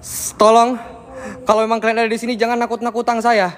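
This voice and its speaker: A man's voice: very high voice, level tone, fast talker. Jumpy man exploring a building at night. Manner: jumpy, mutters prayers, slangy. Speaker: ghost-hunting vlogger. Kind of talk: casual ghost-hunting vlog. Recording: faint background noise.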